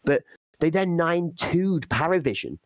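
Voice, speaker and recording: A man's voice: a little high, expressive, unhurried, dry recording. A man commentating an esports playoff, breaking down play and building hype for the chat. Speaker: esports caster.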